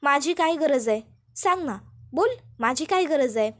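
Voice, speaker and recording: A woman's voice: sits high, lively intonation, normal speed, fairly bright tone. A woman voicing a sulky, defiant young woman who snaps scornfully.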